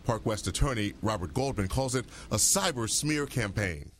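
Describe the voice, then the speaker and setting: A man reporting a news story in a measured, scripted narration style. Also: on the low side, a little hiss or hum. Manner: measured, even reporting delivery.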